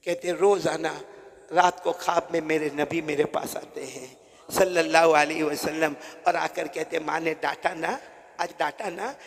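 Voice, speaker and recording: A male preacher telling a story in a sermon, swinging from soft murmurs to shouted peaks and calling listeners his dear ones. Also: fairly high pitch. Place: village gathering. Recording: echoey hall reverb.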